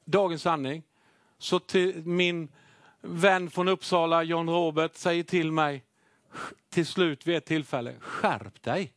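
A middle-aged man preaches in a sermon, recounting a personal story in an animated, self-mocking way. His voice sits a little high for a man. The sound is close and dry, with no room around it. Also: dry recording. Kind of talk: sermon testimony.

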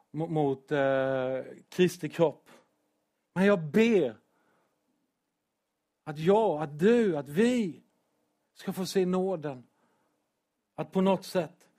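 Earnest pastor preaching in church. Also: male voice, a little high. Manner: earnest, emotional, sometimes loud with self-deprecating humor. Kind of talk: sermon.

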